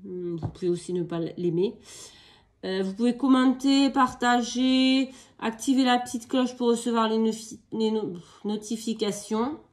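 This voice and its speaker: An adult woman with children shows off her craft purchases in a casual haul video. Her voice is a little high and steady, and she speaks slowly, with many hesitations and fillers.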